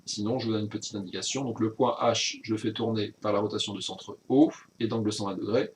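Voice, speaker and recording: A man's voice: fairly low pitch, steady tone, quick pace, a little hiss or hum. A man teaching a recorded virtual class recap, explaining step by step with frequent hesitations and self-corrections.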